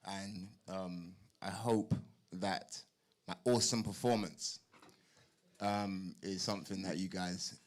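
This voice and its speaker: A man's voice: sits low, steady tone, slow. A man speaking informally as a boxer at a press conference, playful and fond of repeating his phrases.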